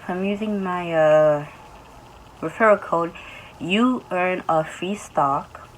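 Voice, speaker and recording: A young woman chats through a casual vlog in a sleepy, slightly low voice, rambling loosely with plenty of ums. A faint hum of room noise sits behind her. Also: slow, rough recording. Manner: loose, chatty, with many fillers. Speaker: YouTube host.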